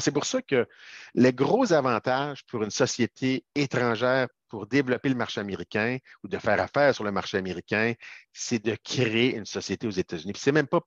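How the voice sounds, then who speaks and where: A man's voice: medium pitch, no room sound. A man from Quebec with a Québécois French accent, explaining business matters in a chatty webinar, peppering his talk with tag words and direct asides to the audience. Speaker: webinar presenter, business lawyer. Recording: dull lo-fi webinar audio.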